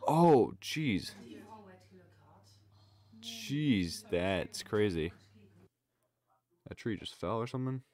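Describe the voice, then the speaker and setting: A man's voice: fairly low pitch, sing-song, drawn-out words, pauses often, darkish tone. A young man giving loose, casual running commentary on fail clips, full of exclamations. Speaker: reaction video creator.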